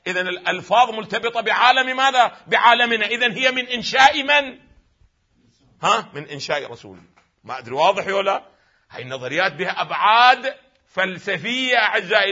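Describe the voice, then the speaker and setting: A man with an Iraqi Arabic accent giving a classroom lecture on religious texts. He asks the class questions, answers them himself, and draws words out slowly to spell out their vowels. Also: sits high, pushed and bright, husky. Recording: slightly dull lo-fi recording.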